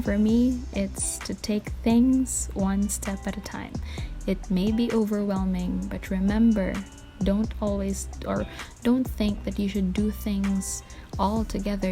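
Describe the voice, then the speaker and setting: A woman hosting a casual solo podcast at home at night, answering listener questions in a soft, earnest way with frequent ums, captured on a handheld voice recorder. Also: medium pitch, steady tone, slow, soft background music. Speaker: podcast host.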